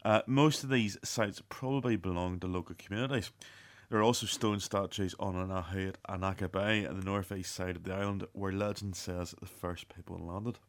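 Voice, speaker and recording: A man with a fairly low voice presents a radio show from a script. His reading is halting, with the occasional stumble and self-correction as he narrates. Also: fairly even intonation.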